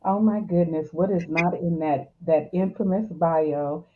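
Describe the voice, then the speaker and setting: A woman's voice: lowish voice, fairly even intonation, unhurried, a little hiss or hum. Chatty woman on a tinny line. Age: 40s. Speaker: guest, coach. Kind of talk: casual chat.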